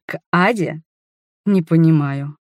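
A woman voicing a gentle, shy wanderer man who talks softly and tenderly to his beloved in an audiobook. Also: a little high, slow pace, no echo. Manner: soft, tender and reassuring. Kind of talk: audiobook character voice.

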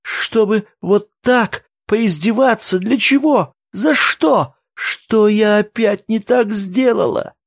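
A man reading an audiobook and voicing an aging, weeping woman who pleads in a high, breaking voice. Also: animated, drawn-out words, long pauses, a little mellow, husky, no echo, studio quality, full character voice. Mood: sobbing, pleading. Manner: sobbing, high-pitched pleading.

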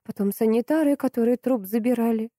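A shrill, babbling housekeeper, tipsy and fearful, her voice jumping high, as a woman narrator puts her on. The tone stays mellow and the sound is dry and close. Audiobook character reading. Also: brisk, no room sound, natural voice. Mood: fawning.

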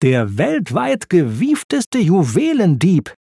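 A man voicing a polished, cautious male spy car in a storybook, speaking in a measured, formal way. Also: high-pitched, wildly swooping pitch, creaky, dark tone, breathy edge, dry recording, clean studio sound, voice pushed up, heavily acted. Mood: earnest. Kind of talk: storybook reading.

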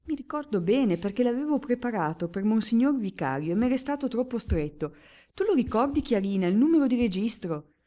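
A woman puts on a proud former hatter, eager and lively as he recalls his trade. The voice sits higher than her own and carries animated rises, read for an audiobook. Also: fairly quick. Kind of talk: audiobook reading.

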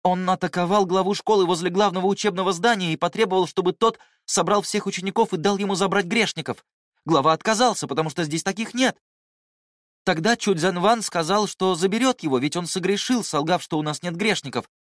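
A man's voice: high voice, fairly quick, no echo, clean studio sound, pitched above the performer's own voice, close to an everyday voice. A man voicing a worried young male disciple. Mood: anxious.

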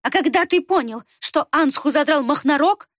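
A woman reading an audiobook voices a sharp-witted male traveller who questions briskly. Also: high voice, animated, dry recording, clean studio sound, voice pushed up. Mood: probing.

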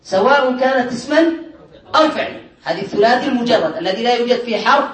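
A man teaching an Arabic grammar lesson. He drills his students by asking questions and answering them himself, and he repeats key terms slowly. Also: very high voice, expressive. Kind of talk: classroom lesson. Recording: echoey room.

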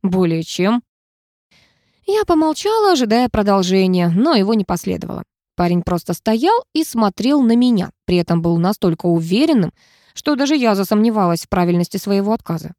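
A woman narrating a first-person fantasy audiobook with lively, expressive storytelling. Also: mid-range voice, brisk, dry recording, clean studio sound.

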